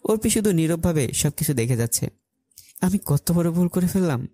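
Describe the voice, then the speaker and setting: A man's voice: a little high, expressive, moderate pace, warm tone, dry recording, clean studio sound. A man narrating a dramatic first-person story in an urgent, emotional way.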